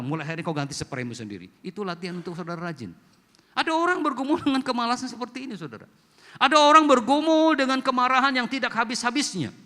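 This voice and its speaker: A man preaching a sermon as pastor, telling stories and acting out quoted voices. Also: fairly high pitch. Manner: lively storytelling with voiced quotes. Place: church hall. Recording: long hall reverb.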